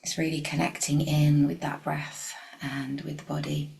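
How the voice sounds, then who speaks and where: With a low pitch and level tone, a woman leads a guided meditation. She's soft, gentle and unhurried, leaving long pauses and occasionally slipping toward a breathy whisper.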